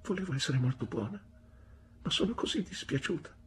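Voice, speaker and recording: A woman reader voicing a fretful, capricious young mother with a shrill, pleading voice, in an audiobook. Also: animated, brisk, a little hiss or hum. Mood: contrite.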